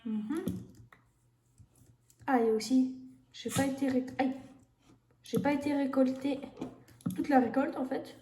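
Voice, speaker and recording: Casual gamer woman, high mellow voice, thinks aloud, echoey room. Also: steady tone, slow pace, pauses often. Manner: thinking aloud, many fillers, talks to the viewers. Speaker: gamer streamer. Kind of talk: casual gameplay commentary. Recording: echoey room with faint noise.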